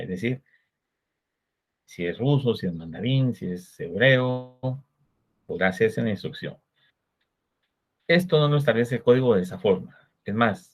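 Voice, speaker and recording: In a dull, lo-fi recording, a Guatemalan man with a Guatemalan Spanish accent delivers a law lecture. His voice sits fairly low, and he explains things in a measured way while putting rhetorical questions to his students.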